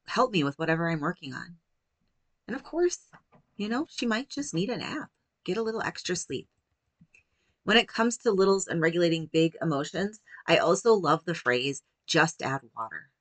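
A woman, likely in her thirties, giving a gentle, measured talk that teaches parents how to calm young children. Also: fairly low pitch, no echo.

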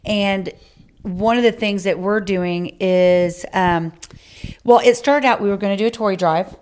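A woman's voice: medium pitch, unhurried, a little mellow, clear, resonant tone. A middle-aged woman co-hosting a podcast, chatting casually and heartfelt, rambling with many fillers. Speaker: podcast co-host. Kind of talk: casual chat.

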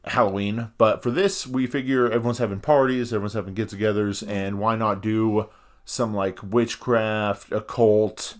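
A man's voice: lowish voice, fairly even intonation, normal speed. A man co-hosting a podcast in casual banter, talking with half his face numb from the dentist. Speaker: podcast co-host.

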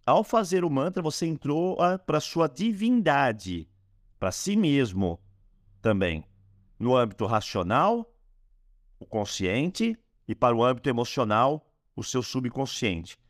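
A man hosting a calm instructional talk on a spiritual technique, slowing down when he speaks mantras. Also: mid-range voice, no echo, clean studio sound. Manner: lively, rising and falling delivery, slowing on mantras. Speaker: host teaching a spiritual technique.

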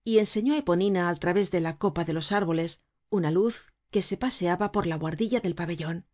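A woman narrating a classic novel with steady storytelling. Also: on the low side, brisk. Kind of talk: audiobook narration.

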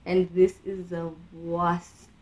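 A young Kenyan woman hosting a casual podcast chat, her speech slightly impeded by a new tongue piercing, animated and slangy. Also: lowish voice, slow pace, highs cut off. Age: young adult. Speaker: podcast host.

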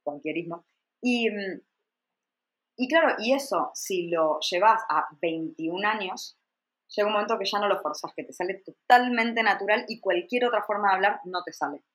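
A woman's voice: medium pitch, moderate pace, a bit bright, low-quality recording. A woman in her forties with an Argentine accent, chatting reflectively as a podcast guest and using frequent fillers. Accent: Argentine Spanish. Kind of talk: casual conversation.

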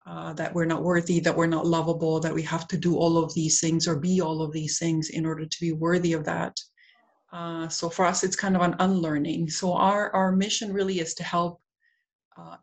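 A middle-aged woman from Peru, a centre co-owner, talking casually as a podcast guest with many fillers. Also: on the low side. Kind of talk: casual interview talk.

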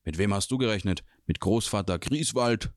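A man voicing a big gruff male warrior, blunt and grumbling, in a curt manner for a fantasy audiobook. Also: lowish voice, normal speed, no echo, studio quality, natural voice.

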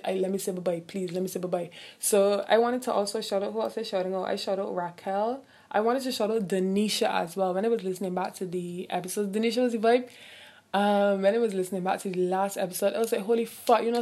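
A young woman with a Barbadian accent hosts a casual solo podcast. She talks bluntly and swears freely, working herself into animated rants. Her voice sits at an ordinary middle pitch for a woman. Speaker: podcast host.

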